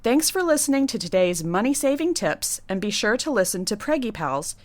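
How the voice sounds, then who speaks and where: A woman's voice: a little high, big pitch swings, fairly quick, no room sound. Woman, guest tips segment, upbeat scripted read, dry recording. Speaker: nursery designer.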